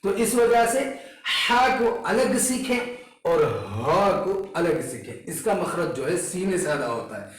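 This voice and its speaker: A man teaching Quranic letter pronunciation, patiently explaining each sound and repeating it slowly for his students. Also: high voice, animated. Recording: very echoey room.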